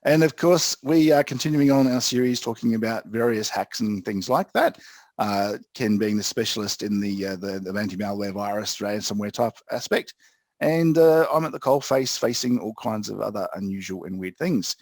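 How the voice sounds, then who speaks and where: An Australian-accented man talks through technical matters in an informal, plain-spoken way. His voice is low and gravelly with a husky edge. The sound is close and dry, and he leans on his points in everyday colloquial language. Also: normal speed, a little mellow, no echo. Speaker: co-host and IT specialist. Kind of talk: informal explanatory tech talk.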